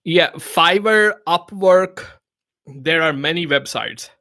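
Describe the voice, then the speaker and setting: Fairly high-pitched and bright, his voice carries a forceful tone while he takes things slowly. He's a man whose first language is Urdu, hosting a live Q&A and giving informal business advice in loose English marked by non-native phrasing. Conversational and prone to fillers and restarts, he keeps asking "you know what I mean".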